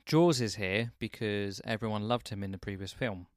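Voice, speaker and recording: Smooth-voiced man in casual film chat. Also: fairly low pitch, moderate pace, no echo, clean studio sound. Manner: hesitant, restarts, thoughtful. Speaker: film podcast co-host.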